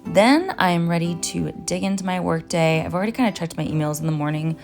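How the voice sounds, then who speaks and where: Soft music underlies this what-I-eat-in-a-day vlog, where a Finnish nutritionist in her thirties chats upbeat and casually with viewers, calling them "guys." Her lowish voice is fairly quick and creaky, with a darkish tone.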